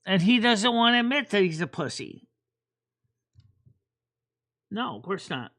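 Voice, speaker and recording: Woman, host, casual livestream chat, bright tense voice, rambling, repeats words. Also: medium pitch, big pitch swings, unhurried. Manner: rambling, repeats words while thinking aloud.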